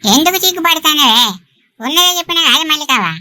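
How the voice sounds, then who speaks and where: Woman as a scolding village aunt, high, piercingly bright, dry. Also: lively intonation, quick pace, dry recording, full character voice. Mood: teasing. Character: sharp-tongued village aunt, middle-aged woman, teasing. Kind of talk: Telugu cartoon dubbing.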